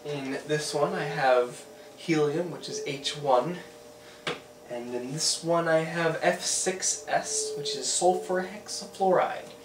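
Speaking slowly in a fairly high voice, a young video host earnestly walks through a science demo at home step by step, frequently restarting sentences and clearing his throat. A distant camera mic in the small room adds echo and hiss.

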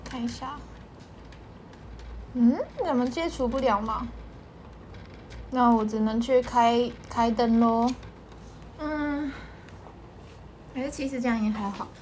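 A woman's voice: on the high side, slow pace, pauses often, darkish tone, a little hiss or hum. A young woman with a Taiwanese Mandarin accent, chatting on a livestream from home, answering comments and laughing often. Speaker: idol group member livestreaming. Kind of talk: casual livestream chat.

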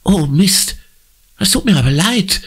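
A man putting on a high, boyish voice for a carefree kid caught out, quick to apologize. The tone is slightly husky and sits well above the reader's own low pitch. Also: expressive, heavily acted. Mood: apologetic. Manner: bright, apologetic boyish chatter. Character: sheepish schoolboy, easygoing.

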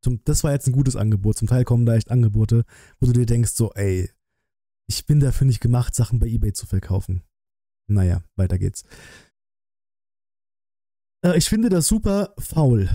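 A German man in his thirties hosts a livestream, chatting casually and reacting to a trailer in a blunt, colloquial way as he thinks aloud. His mid-range voice is dark-toned with lively intonation, normal speed and frequent pauses. He wears a headset and sits close to a desk microphone in a small, decorated indoor streaming room, with no echo.

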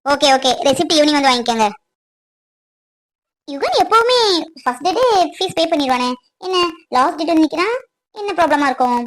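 A woman plays a chatty young college woman in a cartoon, her voice very high. She asks question after question with a bright, curious lilt. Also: animated, brisk. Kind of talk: cartoon voice acting.

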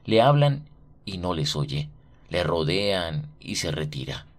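A man narrates a short story for radio with a low voice. His reading is dramatic and expressive, shaping each scene with steady care. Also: slow pace.

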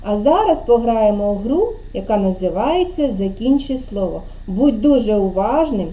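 A woman's voice: mid-range voice, lively intonation, moderate pace, mellow. A woman kindergarten teacher giving an online speech lesson to a child over a video call, patiently drawing out syllables and prompting.

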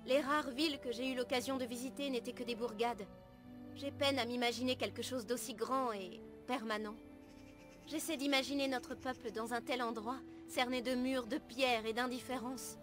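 A woman playing an earnest, gentle young elf apprentice in a video game, speaking formally and in measured, literary phrases. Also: fairly high pitch, fairly even intonation, lightly acted. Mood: curious. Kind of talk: video game dialogue acting. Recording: music behind the voice.

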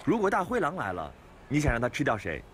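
A man asking people questions on the street in a quick, playful way. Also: medium pitch, wildly swooping pitch, a little hiss or hum. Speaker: street interviewer. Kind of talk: vox-pop questions.

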